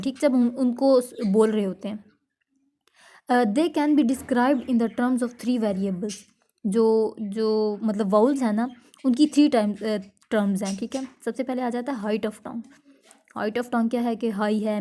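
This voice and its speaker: Mellow-voiced woman teacher explaining slowly. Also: fairly high pitch. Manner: explains in Hindi, slowly reads out English definitions, often checks in with listeners. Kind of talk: classroom lecture.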